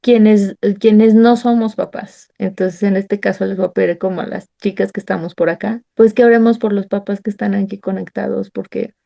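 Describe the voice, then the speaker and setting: A woman's voice: medium pitch, fairly even intonation, normal speed, gravelly, hardly any pauses, dull audio. A woman with a Mexican accent leading a Bible study, sharing a heartfelt personal testimony and acting out remembered conversations. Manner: warm, storytelling, acts out remembered dialogue.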